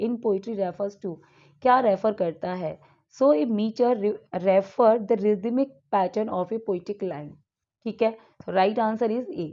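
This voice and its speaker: A young woman with an Indian English accent works through exam practice questions at an unhurried pace. Her voice is soft and mellow. She reads each question aloud slowly, then explains it. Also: medium pitch, lo-fi sound.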